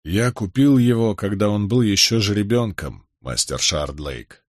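A man's voice: lowish voice, lively intonation, measured pace, no echo, clean studio sound. A man voicing a weary, disgraced middle-aged nobleman, with a heavy, sighing delivery in an audiobook reading.

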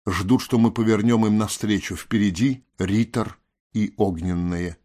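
A young seer girl, nervous and full of guilt, explaining things as if to a slow pupil, played by a male audiobook reader. Her voice sits low and measured. It is a storybook narration. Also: warm tone. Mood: guilty, tense. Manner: apologetic, lecturing. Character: anxious young female seer, guilty and earnest.

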